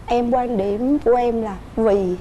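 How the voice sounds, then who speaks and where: A woman's voice: a little high, steady tone, a little slow, mellow, slight background noise. A woman with a Southern Vietnamese accent, a guest on a couples talk show, earnestly telling her family's story at length. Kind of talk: casual chat.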